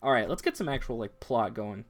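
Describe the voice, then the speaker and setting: A man's voice: mid-range voice, animated, a little fast, faint music behind. A man giving casual, chatty commentary while playing a romance game. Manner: chatty, reads text aloud. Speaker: let's play host. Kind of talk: gameplay commentary.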